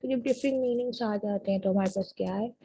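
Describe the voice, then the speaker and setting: A woman university lecturer with a Pakistani accent, explaining terms patiently and reading English definitions slowly, in a muffled lo-fi recording. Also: medium pitch, vocal fry, dark tone, slightly rough. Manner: patient, repeats checks like "theek hai ji" after each point. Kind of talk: classroom lecture mixing Urdu and English.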